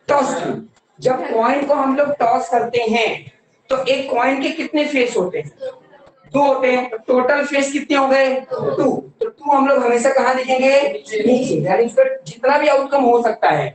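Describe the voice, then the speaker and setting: A woman teaching a maths class, mixing Hindi with English terms, questioning students often and slowing down to dictate definitions. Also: sits high, distant mic. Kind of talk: classroom lecture. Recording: very echoey classroom, voice from afar.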